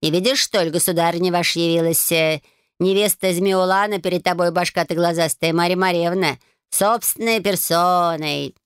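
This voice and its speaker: A woman's voice: on the low side, fairly even intonation, normal speed, clean tone, no room sound, clean studio sound, lightly acted. A woman voicing a grumpy, cheeky male talking cat who grumbles and bosses people around in a storybook reading. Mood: scolding.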